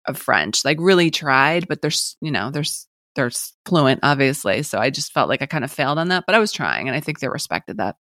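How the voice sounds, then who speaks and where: A woman co-hosting a podcast, telling travel stories in an enthusiastic, expressive casual chat. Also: low voice, no echo, clean studio sound. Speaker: podcast co-host.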